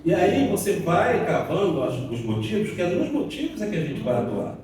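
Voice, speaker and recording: A man's voice: high voice, big pitch swings, normal speed, darkish tone, a little hiss or hum. A man with a Brazilian accent giving an informal seminar talk, chatty and joking, with slang. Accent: Brazilian Portuguese. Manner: chatty and jokey, uses slang, acts out little quotes. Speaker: seminar speaker. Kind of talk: informal lecture. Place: large hall before an audience. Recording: echoey hall, far from mic.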